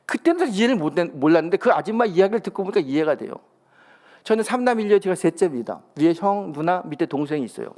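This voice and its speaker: A male senior pastor preaching a sermon. He is an animated storyteller who acts out the quotes with big jumps in pitch. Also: fast talker. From Busan, South Korea.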